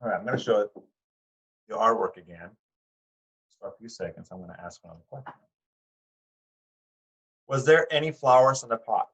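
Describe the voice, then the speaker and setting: An animated, brisk man with a fairly low, bright voice and a breathy edge teaches an art class, pausing often, in a recorded lecture with poor audio. He speaks conversationally with fillers and restarts, directly questioning his students throughout.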